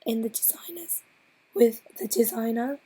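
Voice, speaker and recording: A woman with a hoarse, breathy voice because she is ill, giving a slide presentation in a slow, halting way and often restarting her phrases. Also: on the high side, mellow, rough recording. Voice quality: breathy, partly whispered. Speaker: student presenter.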